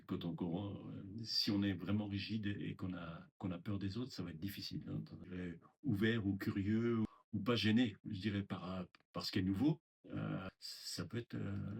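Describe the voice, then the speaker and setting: A man's voice: lowish voice, creaky, breathy edge. An older man giving a reflective interview testimony about his past, speaking hesitantly with many fillers and restarts. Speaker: former resident interviewee.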